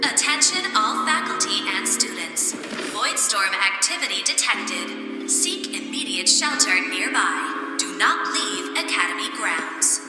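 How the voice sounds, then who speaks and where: A woman voicing a calm, formal campus emergency announcer heard over a public address loudspeaker. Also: mid-range voice, measured pace. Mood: urgent formal. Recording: loudspeaker echo in a big hall, music behind.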